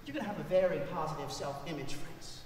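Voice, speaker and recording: A male pastor preaching a sermon in an animated way, his voice rising for emphasis. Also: fairly high pitch, fast, a little hiss or hum. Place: church sanctuary. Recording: echoey church hall with long reverb.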